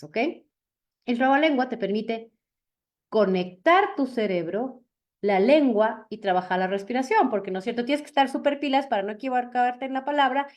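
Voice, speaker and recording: A woman with a high voice teaching a public speaking workshop, expressive and playing with pitch and pace to show her points. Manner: expressive, often shifts pitch and pace to demonstrate. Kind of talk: virtual workshop talk.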